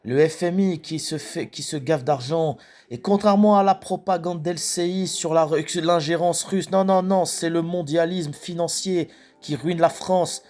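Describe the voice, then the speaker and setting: A man delivering a spoken protest rap in a halting, freestyle way, often restarting words and hitting rhetorical questions hard. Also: a little high, a little mellow, faint music behind. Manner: slow, declaiming delivery with emphatic rhetorical questions. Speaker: rapper.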